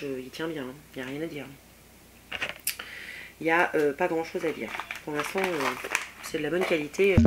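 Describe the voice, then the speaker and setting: Femme vloggeuse beauté, voix un peu grave, ton décontracté, plein d'hésitations, léger souffle de fond. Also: female voice, sits low, background noise. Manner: chatty, many fillers, swatching products on her hand. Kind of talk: casual makeup haul review.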